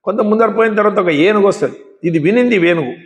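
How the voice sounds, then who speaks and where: A man's voice: high voice, fast talker. A man preaching with folksy moral fables in a conversational, rhetorical manner. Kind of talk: moral storytelling sermon. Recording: echoey hall.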